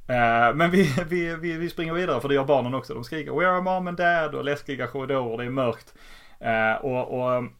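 Swedish man recapping a comic, animated. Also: mid-range voice, few pauses. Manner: animated retelling, laughs often. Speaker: podcast host. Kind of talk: casual comic book recap.

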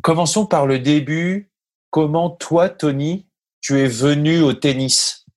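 A man's voice: fairly high pitch, takes it slowly. A man hosting a podcast, asking questions in a conversational interview style.

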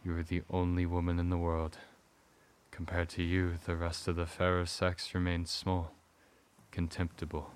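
An actor playing Arthur, a theatrical Victorian gentleman torn between tender devotion and bitter fury at his wife. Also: sits low, a little slow, a little hiss or hum. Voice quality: theatrical, declamatory. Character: Victorian gentleman Arthur, tormented lover turned furious husband. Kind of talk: radio drama acting.

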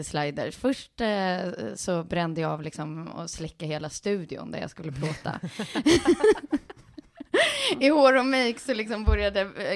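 A woman co-hosting a casual podcast chat, telling animated stories with frequent laughter and English words mixed in. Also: on the low side. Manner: animated storytelling, laughs a lot; mixes English words into Swedish. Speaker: podcast co-host.

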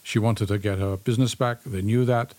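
A man's voice: lowish voice, steady tone, a little fast, a little mellow. A man co-hosting a podcast, discussing in short, repeated declarative sentences. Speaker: podcast co-host.

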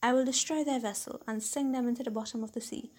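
A woman's voice: on the high side, steady tone, fast, darkish tone, voice pushed up, close to an everyday voice. A woman voicing a proud, vengeful fairy wife who speaks in stately, formal phrases. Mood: stern.

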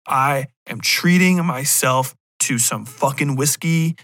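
Speaking slowly in a medium-pitched voice, a podcast host gives casual, rambling review talk peppered with blunt swearing and animated joking asides that act out imagined remarks. The audio is studio quality with no echo.

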